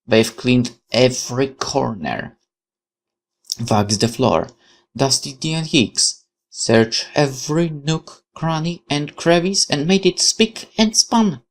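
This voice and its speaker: This let's player has a mid-range voice with lively intonation and a slow pace. He reads the visual novel's narration aloud with a dramatic storyteller's flair for his audience, stopping to muse on it as he goes.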